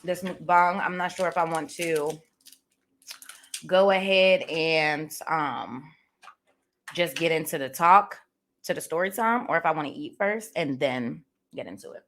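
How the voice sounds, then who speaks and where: A woman hosting a mukbang, chatting casually and relaxed between bites while she eats. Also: deep voice, unhurried, slight background noise. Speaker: mukbang host.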